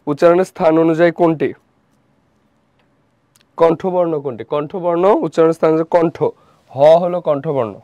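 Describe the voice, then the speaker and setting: Young guy teaching online, kinda high voice, repeats his questions then answers them, dull dry stream audio. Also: a little mellow, dry recording. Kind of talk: live revision lesson.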